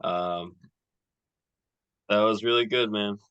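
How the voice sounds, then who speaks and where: Deep slow-talking male podcast host. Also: clean tone, dry recording, dull audio. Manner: relaxed, rambling, many fillers. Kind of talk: casual podcast chat.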